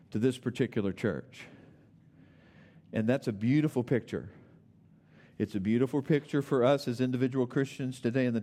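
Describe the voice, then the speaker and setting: A man's voice: fairly low pitch, mellow. A man preaching a sermon, stressing his points by repeating them and asking the listeners direct questions.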